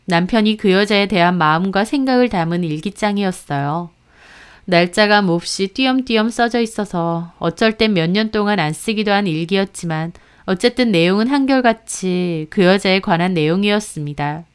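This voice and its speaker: Woman storyteller, scripted story narration, smooth resonant voice, steady even reading. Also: medium pitch, moderate pace.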